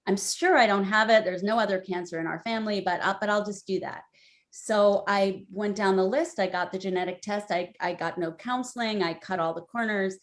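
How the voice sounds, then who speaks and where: A woman in her forties speaks on a webinar panel over a video call, her medium-pitched voice moving a little fast. She tells a personal story in a candid, conversational way, growing lively when she quotes herself.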